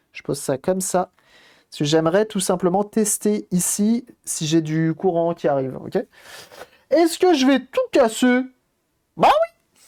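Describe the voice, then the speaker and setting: A man's voice: a little high, darkish tone. Chatty man live-streaming a console repair. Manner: chatty, thinks aloud while tinkering, greets viewers. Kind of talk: casual live-stream commentary.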